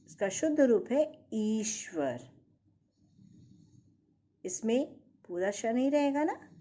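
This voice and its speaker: A woman's voice: fairly high pitch, warm tone, lo-fi sound. A woman teaching a recorded primary school lesson, patiently asking and answering her own questions.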